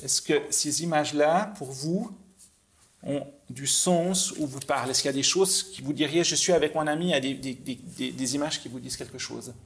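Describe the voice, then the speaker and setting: A man with a slightly high voice, hosting as a mentalist. He gives slow, soft, suggestive instructions, often restarting his phrases. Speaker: mentalist host. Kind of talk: guided visualization with a guest.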